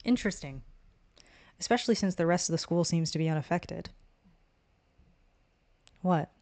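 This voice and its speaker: A woman's voice: fairly low pitch, fast talker, darkish tone. A woman streamer reading a visual novel aloud, narration and the player's lines, stumbling at times.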